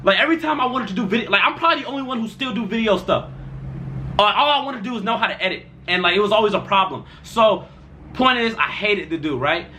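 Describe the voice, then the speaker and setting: A young man tells a rambling storytime tale in a loose, slang-heavy way. His voice sits high and sounds bright and lively. He keeps circling back with fillers as he goes. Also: fast, a little hiss or hum. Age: young adult. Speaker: storytime vlogger. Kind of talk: casual storytime.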